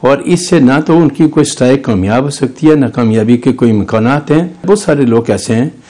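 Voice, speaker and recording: An older man with a Pakistani Urdu accent appears as a lawyer guest in a studio news interview, arguing legal points. His voice is medium-pitched and warm, at a moderate pace. He is argumentative and legalistic, and he restarts his sentences.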